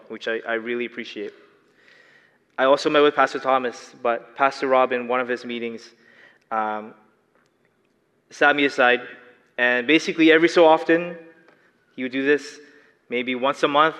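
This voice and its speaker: Preaching in a big church hall with long reverb, a young adult lay preacher from the Philippines speaks with a Filipino accent and a slight lisp. His mid-range voice is bright, smooth and forceful. He's earnest, putting questions to his congregation.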